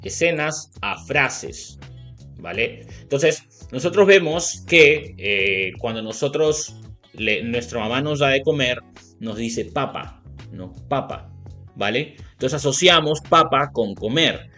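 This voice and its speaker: A man's voice: mid-range voice, lively intonation, slow, pushed and bright, faint music behind. A man with a Latin American Spanish accent teaching a video lesson, explaining step by step and checking in often with the viewer. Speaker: English teacher.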